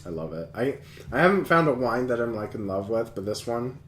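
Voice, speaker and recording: Hosting a live stream about model building, a man rambles in casual chat and giggles along the way. He speaks fairly quickly in a medium-pitched, very animated, fairly bright voice, in an echoey room with a little hiss or hum.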